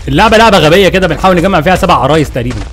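Jumpy fast-talking Egyptian man. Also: fairly high pitch. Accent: Egyptian Arabic. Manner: excitable, jumpy, yelps when startled. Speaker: streamer. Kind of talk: live horror game commentary.

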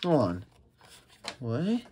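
A man giving casual unboxing commentary as a radio collector, talking in a halting way with many restarts and fillers. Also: medium pitch. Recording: steady background noise with packaging crinkles and clicks.

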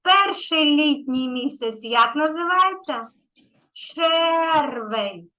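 A woman's voice: sits high, expressive, slow, sharp tone, low-quality recording. A woman kindergarten teacher giving an online lesson to a young child, patient and encouraging, stretching out key words.

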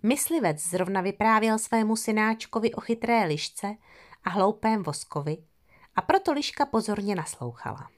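A woman narrating an audio fairy tale in an expressive storybook manner. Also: medium pitch.

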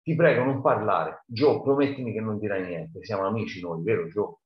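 A frightened drunk man begs in a shaky, pleading voice, as a man reads him. The voice sits fairly low. It sounds roomy and a little dull. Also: normal speed, lightly acted.

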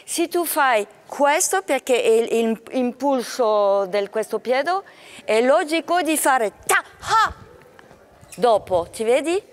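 Lively woman coaching a ballet student. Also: a little high, slow. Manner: mixes languages, counts and sings out rhythms. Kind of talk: coaching a dancer in class.

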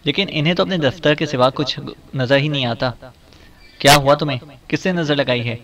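A man's voice: brisk, close to an everyday voice. A man voicing a fierce scolding old mother. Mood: angry scolding. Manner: loud, shrill scolding.

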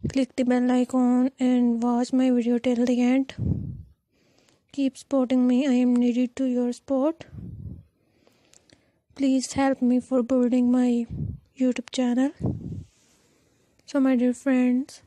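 A woman's voice: fairly high pitch, completely flat delivery, slow pace, pauses often, mellow, dry recording. A woman with a sore throat hosting a scripted slideshow voice-over in a repetitive, formulaic way. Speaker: YouTube channel host.

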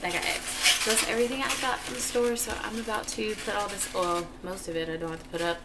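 A woman's voice: medium pitch, fairly even intonation, fast. A woman chatting informally and playfully as she narrates a home vlog on a handheld camera. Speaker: home vlogger. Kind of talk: casual vlog chat with narrated cooking. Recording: clear background noise.

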